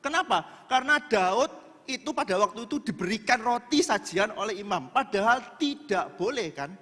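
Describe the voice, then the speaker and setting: High-voiced preacher. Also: male voice, animated, normal speed, sharp tone. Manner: chatty, joking with the congregation. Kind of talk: sermon. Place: church in a large hall. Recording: echoey church hall.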